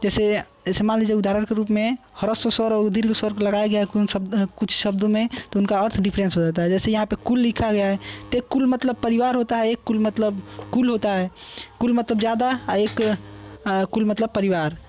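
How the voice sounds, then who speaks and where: A young man gives a classroom lecture, explaining patiently, repeating terms, and drawing out vowel sounds as examples. His high voice is level in tone, a little fast, and a little mellow.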